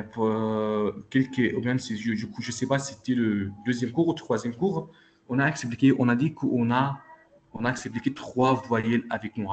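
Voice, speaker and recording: Patient male teacher on a video call. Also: medium pitch. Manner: patient, repeats checks like "ok?" and "d'accord?". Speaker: Arabic teacher. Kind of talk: online class teaching.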